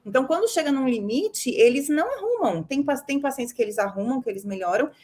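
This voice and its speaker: A woman's voice: high-pitched, animated, fast talker, a little mellow. A woman with a Brazilian Portuguese accent, co-hosting a casual live class and explaining her points firmly. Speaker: co-host instructor. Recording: echoey room with faint ambience.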